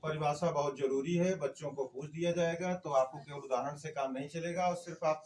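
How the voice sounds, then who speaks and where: A man's voice: on the high side, steady tone, brisk, a little mellow, far from the mic, slight background noise. A man teaching a chemistry class, quizzing the students and answering his own questions. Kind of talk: classroom lecture.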